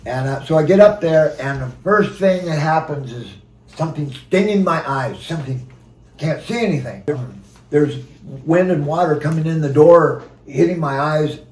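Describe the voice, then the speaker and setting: A man with a slightly high voice tells a personal story, halting now and then and acting out what others said. He sits back from the mic, and his voice carries an echo from the room around him. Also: darkish tone. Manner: halting, recounts events with quoted dialogue. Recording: roomy sound from a distant mic.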